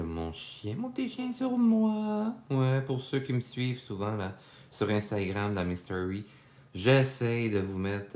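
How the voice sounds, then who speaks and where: A man's voice: on the low side, darkish tone, roomy sound. A young man with a Québécois accent, chatting casually with viewers while teaching a drawing lesson live, full of fillers and asides. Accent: Québécois French. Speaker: drawing instructor. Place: home studio.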